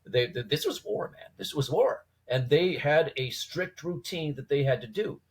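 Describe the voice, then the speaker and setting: Slightly husky man telling stories. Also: a little high, expressive, normal speed. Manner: informal, acts out quoted dialogue with rhetorical questions. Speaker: podcast guest, former police trainer. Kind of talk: animated conversational storytelling.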